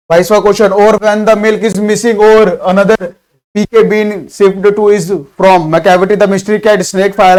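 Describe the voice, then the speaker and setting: High-voiced Bihari teacher, drilling quiz questions. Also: male voice, a little mellow. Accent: Bihari Hindi. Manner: reads questions slowly, explains in fast chatty Hindi. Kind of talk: exam-prep lesson.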